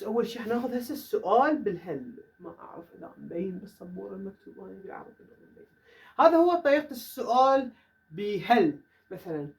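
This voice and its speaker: A man with an Iraqi Arabic accent teaching an English grammar lesson in a classroom, saying the English examples slowly and carefully. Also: sits high. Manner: says English example sentences slowly and deliberately. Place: classroom with a whiteboard. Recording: voice from far off the mic.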